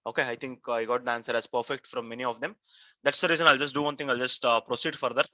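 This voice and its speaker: In a live online software testing lesson, an instructor with an Indian accent works through material step by step, emphatically repeating himself and prompting students with questions. His voice is mid-range and quick with a sharp tone and fairly even intonation, in a dry recording.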